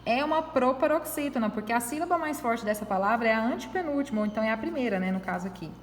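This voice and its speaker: A woman's voice: a little high, animated, fast talker. A woman teacher going over a corrected test, explaining each answer patiently and step by step, checking in with frequent tag questions. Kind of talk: reviewing a test with students. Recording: echoey room with long reverb.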